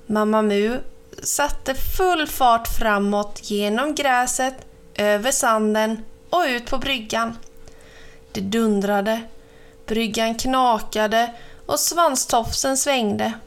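A woman narrating a children's picture book with a clear, measured delivery. Her voice sits a little high. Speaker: storyteller.

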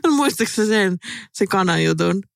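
A woman's voice: medium pitch, expressive, vocal fry, dry recording, studio quality. A woman co-hosting a podcast in casual chat, giggling often and reading listener gossip aloud. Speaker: podcast co-host.

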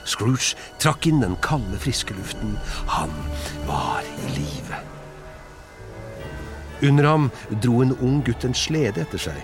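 A male narrator reads a storybook with dramatic expression. His voice moves lively through its range at a middle pitch. Faint music plays underneath. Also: few pauses.

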